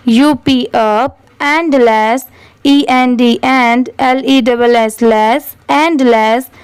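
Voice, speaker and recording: A woman's voice: high-pitched, a little mellow, clean tone, no echo. A woman teaching English reading, spelling each word out letter by letter and then saying it whole. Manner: spells words letter by letter, then repeats them. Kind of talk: slow spelling-out reading lesson.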